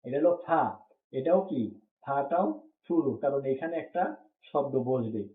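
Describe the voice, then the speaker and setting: A patient male Quran reading teacher, medium in pitch, drills letter names one at a time in a step-by-step lesson. He repeats each pair slowly and stops to ask checking questions, his voice thin and phone-like with a hollow, echoey ring.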